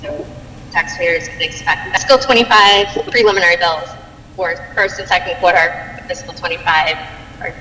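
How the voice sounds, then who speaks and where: A woman's voice: on the low side, pushed and bright, echoey room, long reverb tail, recorded from a distance, slight background noise, low-quality recording. A woman town manager giving a report at a town meeting, her voice cutting in and out on a choppy video call. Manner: halting and stop-start, dropping in and out. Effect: choppy, breaking-up video call audio. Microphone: laptop on a video call.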